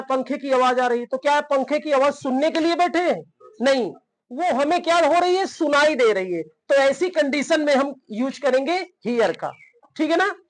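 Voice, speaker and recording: A man's voice: very high voice, low-quality recording. A man teaching English in Hindi, who asks his learners questions, answers them himself, and often checks in with "theek hai na". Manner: addresses learners as "beta". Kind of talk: spoken English lesson in Hindi.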